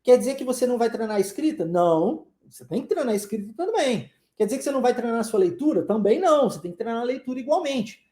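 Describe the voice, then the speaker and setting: Female teacher, mellow tone, casual and laughing, reads out viewer comments; roomy echo on the recording. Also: a little high, animated, quick pace, hardly any pauses. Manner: chatty, laughs often, checks in with "ok?" and "tá?". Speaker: English teacher. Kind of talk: live online language lesson.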